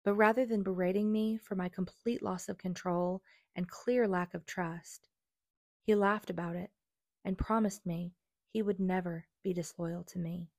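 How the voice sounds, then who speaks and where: A woman's voice: on the low side, steady tone, normal speed, a little mellow, no room sound, studio quality. A young adult woman reading her personal memoir aloud in an earnest, confessional way. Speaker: memoir narrator.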